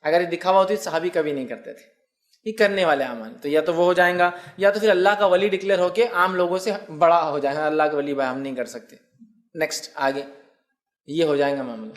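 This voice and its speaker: A man delivers a religious lecture in a somewhat high voice. He walks his listeners through the points one by one, reciting Arabic phrases and asking them questions. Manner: explains step by step, recites Arabic phrases, asks rhetorical questions. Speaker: Islamic preacher.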